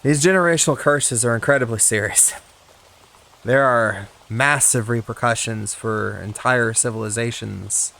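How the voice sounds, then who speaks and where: A man reading aloud in a scripture narration style, with an emphatic, slightly halting delivery. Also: mid-range voice, vocal fry, bright, forceful tone. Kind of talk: read-aloud Bible narration with casual asides.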